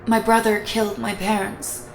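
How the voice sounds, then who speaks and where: A woman voicing a young woman in shock, speaking in a quiet monotone, over echo and music. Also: medium pitch, unhurried, close to an everyday voice. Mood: numb.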